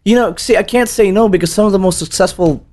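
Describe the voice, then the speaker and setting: A man's voice: sits high, fast, darkish tone. A tired man in his thirties, a bartender guest telling stories in a rambling way with many restarts and the odd curse. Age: 30s. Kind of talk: casual interview chat.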